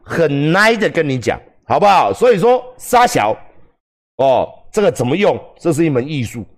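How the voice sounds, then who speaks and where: A man's voice: a little high, big pitch swings, moderate pace. A man with a Taiwanese accent giving crude, profane, joking livestream commentary. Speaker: streamer.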